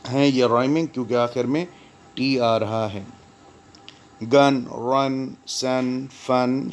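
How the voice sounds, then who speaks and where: An older man teaches a recorded English lesson with an even voice of middling pitch. He draws out each word on his lists slowly, then patiently explains the sounds between them. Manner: slow, drawn-out reading of word lists.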